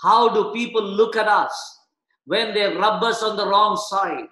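A man's voice: high-pitched, unhurried, sharp tone. A middle-aged man, preaching a sermon as pastor, telling stories and asking his listeners rhetorical questions. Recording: echoey webcast audio.

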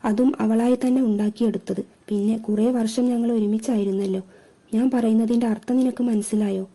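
A woman voicing a guilty young man on the phone, hurried and apologetic. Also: on the high side, steady tone, warm tone. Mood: pleading.

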